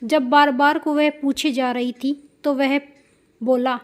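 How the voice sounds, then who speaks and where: A woman with a high voice tells a devotional folk story. She keeps a steady, plain storytelling pace and often repeats her phrases. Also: slow.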